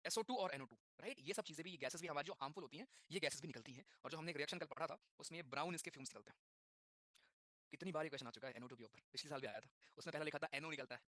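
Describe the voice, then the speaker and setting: A man teaching a class, talking in a quick mix of Hindi and English, repeating key terms and asking the students questions. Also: on the high side, pushed and bright, no room sound, clean studio sound. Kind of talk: classroom lecture.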